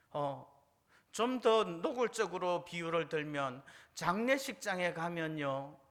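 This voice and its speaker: Male pastor, high bright voice, sermon that questions the congregation. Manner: asks the congregation questions, quotes prayers with rising force. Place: church sanctuary.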